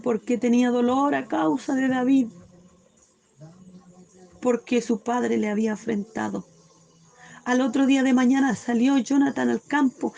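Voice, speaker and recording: A woman's voice: fairly high pitch, vocal fry, warm tone. A woman teaching a Bible study sermon, reading scripture aloud and explaining it fervently, often asking "cierto?" and breaking into praise.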